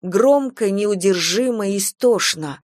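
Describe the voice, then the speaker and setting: A woman reads a dark story aloud in a measured, expressive narration with a dry, ironic edge. Her voice sits at a middle pitch for a woman. The recording is close and dry with no room sound. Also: no room sound. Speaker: audiobook narrator.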